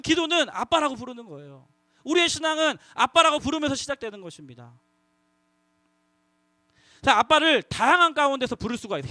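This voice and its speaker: A man preaching to middle schoolers as their youth pastor, lively and coaxing the audience to call out together. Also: extremely high pitch, dry recording, studio quality. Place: church youth worship hall.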